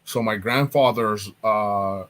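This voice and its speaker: A man's voice: on the low side, takes it slowly, a bit bright. A man, an artist and apparel designer, chatting casually as a guest on a video call and laughing as he explains things. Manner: easygoing, laughs while explaining.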